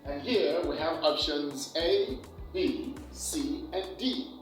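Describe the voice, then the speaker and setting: Slow, deliberate male teacher. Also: a little high, far from the mic. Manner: slow, deliberate, repeats key words for emphasis. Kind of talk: exam preparation lesson. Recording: echoey room, off-mic, faint music.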